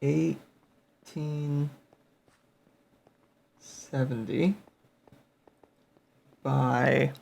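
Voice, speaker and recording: Gravelly slow-talking man playing a game. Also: mid-range voice, steady tone, a little mellow. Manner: thinking aloud, muttering numbers. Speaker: game video host. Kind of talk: casual gameplay commentary.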